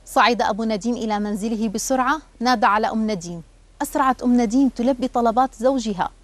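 A woman's voice: a little high, no room sound. A woman narrating scripted stories for a radio program in a storytelling manner. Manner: storytelling, measured.

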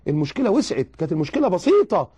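Rapid high-voiced Egyptian preacher. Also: male voice, breathy edge. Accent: Egyptian Arabic. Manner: animated, with rhetorical questions. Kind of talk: religious advice talk.

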